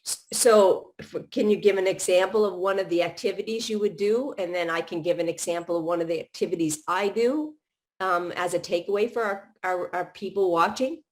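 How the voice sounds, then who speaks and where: A middle-aged woman hosts a live podcast in a lowish voice, talking a little fast. She chats casually in long run-on thoughts, often restarting.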